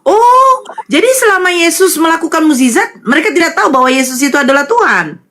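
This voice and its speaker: Woman grilling a guy in a debate, high voice, super lively, keeps hitting him w rhetorical questions. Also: fairly quick. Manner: animated, presses with rhetorical questions and hypothetical examples. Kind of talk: heated debate.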